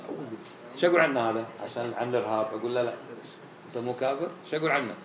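Animated preacher, fast and roomy. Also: male voice, medium pitch, background noise. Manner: animated, acts out quoted voices. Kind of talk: sermon. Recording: roomy echo, faint ambience.

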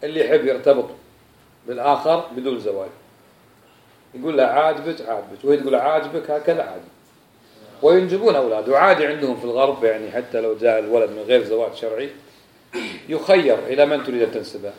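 Guy giving a sermon, quick, swings loud then quiet, roomy echo. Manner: rising to loud insistent emphasis, then dropping low. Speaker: preacher.

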